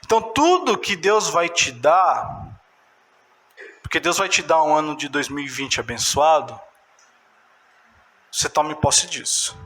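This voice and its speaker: A man preaching with a bright, forceful tone. He talks very slowly and deliberately, and his pitch sits a little high for a man. He builds to loud, emphatic exhortations. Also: lively intonation. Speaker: pastor. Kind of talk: sermon.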